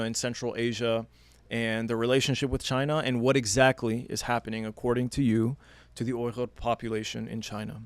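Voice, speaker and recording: A man hosts a podcast in a studio, talking in a measured, earnest way. His voice sits at an ordinary pitch for a man. The sound is dry and close, with no room echo. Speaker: podcast host. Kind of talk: podcast interview, read-out intro.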